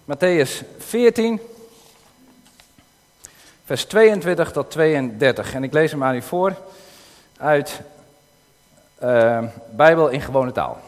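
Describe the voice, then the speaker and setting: A man giving a sermon, reading a Bible passage aloud and retelling it in a calm, explanatory way with occasional hesitations. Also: medium pitch, measured pace. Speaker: preacher. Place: church in the north of the Netherlands. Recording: long reverb of a church hall.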